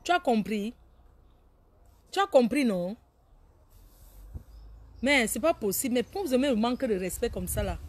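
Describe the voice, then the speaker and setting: A woman hosting a casual live stream, reading out viewers' names and teasing them in an animated way. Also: on the high side, moderate pace, long pauses, no room sound. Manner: animated, teasing, laughs often, scolds viewers. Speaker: Facebook live host.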